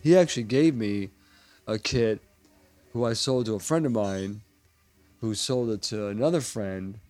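Low-voiced drummer, rambling and casual. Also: male voice, a little slow, a little mellow. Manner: rambling, lots of "like" and "you know". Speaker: drummer, guest. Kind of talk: casual interview chat. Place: restaurant.

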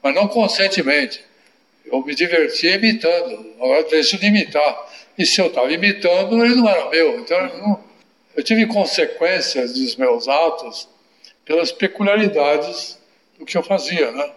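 A man in his eighties reminiscing in an interview, telling stories in an unhurried way with tag questions. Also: on the high side, lively intonation, fairly bright tone. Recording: echoey room.

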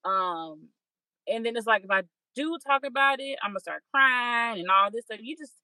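A young woman sits down for an intimate podcast conversation and speaks candidly about her own experience. Her voice is bright and forward. The recording is dry and close, with no room sound. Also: fairly high pitch, lively intonation, moderate pace, no room sound, rough recording. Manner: open, reflective, acts out her own inner voice. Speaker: podcast guest.

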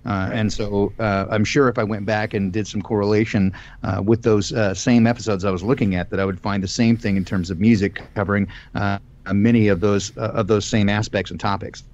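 A man's voice: lowish voice, steady tone, a little fast, darkish tone, lo-fi sound. A man in his fifties co-hosting a casual live-stream talk, hesitant, with many fillers and restarts. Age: 50s. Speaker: podcast co-host.

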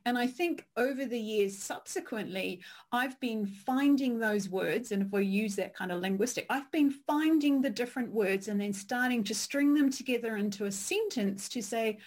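Kiwi woman in her fifties, kinda high voice, slow and thoughtful, telling her own story. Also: darkish tone. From New Zealand. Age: 50s. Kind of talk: reflective conversation.

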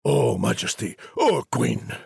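Muttering storybook huntsman, read by a storyteller, slow, husky, dry sound. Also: mid-range voice, very animated, a little mellow, no room sound, full character voice. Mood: gruff. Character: gruff huntsman, soft-hearted.

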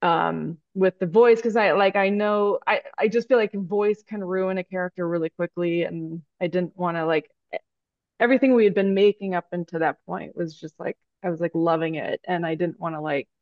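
A woman's voice: on the low side, darkish tone, no room sound. A woman guest telling a long story in a casual interview, rambling with many fillers and restarts. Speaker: guest, stop motion animator. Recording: dry, dull lo-fi podcast audio.

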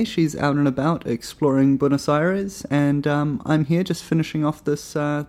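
Mellow-voiced male podcast host. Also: on the high side. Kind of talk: podcast interview hosting.

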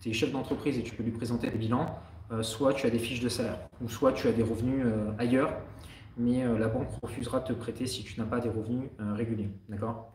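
A man's voice: medium pitch, fairly even intonation, fast, a little mellow, recorded from a distance, slight background noise. A man from France with a French accent, answering viewers' questions in a casual, direct live stream. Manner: direct, informal, many fillers. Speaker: real estate investor answering live questions. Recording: roomy sound from off the mic.

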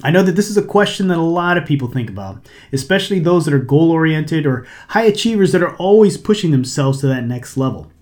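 A middle-aged man hosts a solo podcast in an easygoing, encouraging tone. He slips in a bit of dry sarcasm now and then. His voice sits a little higher than most men's. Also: very animated, quick pace, hardly any pauses, a little mellow. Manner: conversational, lightly sarcastic, motivational. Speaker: podcast host. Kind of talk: casual solo podcast talk.

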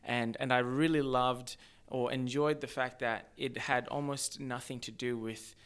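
A young man from Zimbabwe raised in Australia, chatting as a guest in a thoughtful, halting way. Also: medium pitch, steady tone, a bit bright, smooth. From born in Zimbabwe, raised in Australia. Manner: thoughtful, halting, many restarts. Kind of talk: casual podcast chat.

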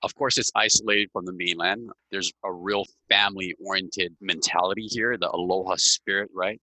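A middle-aged man from Hawaii, guesting on a podcast, tells stories in a casual interview chat and keeps tacking "right?" onto his sentences. His voice sits low with fairly even intonation and a moderate pace, sounding pushed and bright. The recording has no echo but the audio is poor.

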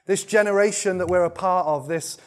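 A man preaching a sermon, sharing his testimony and praying, moving between loud emphatic bursts and quiet, intense moments. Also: sits high, brisk.

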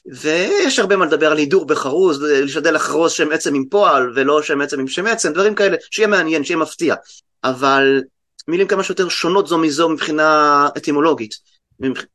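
A man with an Israeli accent explaining things conversationally as an interview guest, halting and often restarting mid-word. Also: a little high, fairly bright tone. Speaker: guest translator and poet.

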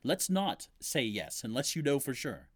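A man acting a patient priest hearing a phone confession, speaking calmly and gently probing. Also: medium pitch, no echo, studio quality. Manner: calm, measured, gently probing.

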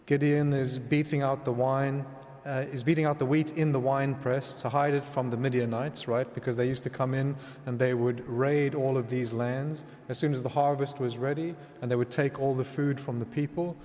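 A man speaking as a priest in church, reading scripture and preaching in a measured, reflective manner. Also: medium pitch, fairly even intonation, a little mellow. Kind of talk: Gospel reading and homily. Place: large reverberant church indoors. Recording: long cathedral-like echo, reverberant church hall.

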